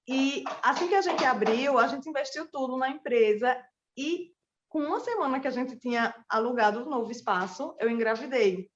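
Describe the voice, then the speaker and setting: A woman's voice: a little high, lo-fi sound. A woman who teaches pole dance and runs a small business, telling her personal story earnestly and speaking straight to her listeners. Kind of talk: personal testimony.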